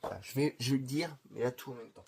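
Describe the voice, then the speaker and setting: A middle-aged man chats casually in a warm, mellow voice with a husky edge. He hesitates often, restarting his sentences and padding them with fillers. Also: medium pitch, fast. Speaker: video host presenting his Blu-ray collection. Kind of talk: casual chat.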